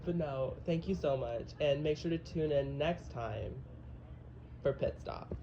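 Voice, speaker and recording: A man's voice: on the high side, a little slow, dark tone, highs cut off, slight background noise. A man hosting a podcast in casual chat, snarky and teasing toward his guest. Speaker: podcast host.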